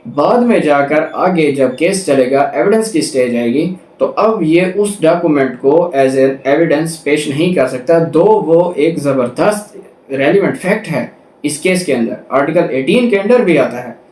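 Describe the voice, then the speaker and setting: A Pakistani man delivers an explanatory law lecture in a slightly high, darkish voice, reading formal text aloud and then methodically rephrasing it. He repeats and restates his points and switches into English legal terms. The recording sounds echoey, with the microphone placed at a distance.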